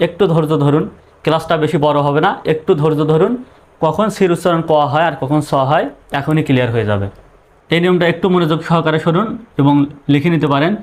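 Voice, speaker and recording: Patient male teacher, slightly high voice. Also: quick pace. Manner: patient, repetitive, asks and answers own questions. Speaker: English pronunciation teacher. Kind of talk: online video lesson.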